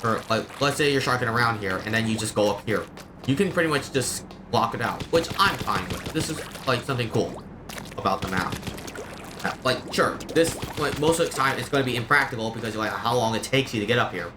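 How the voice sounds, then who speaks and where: A game streamer gives unscripted live commentary, rambling, opinionated and explaining things as he plays. His voice is mid-range and fairly quick. There's clear background noise in the recording.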